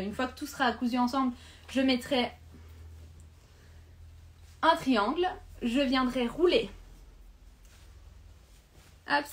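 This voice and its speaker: A high-voiced woman leads a live sewing tutorial from her home sewing room. She talks to her viewers in a chatty, hesitant way. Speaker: sewing instructor hosting a live stream.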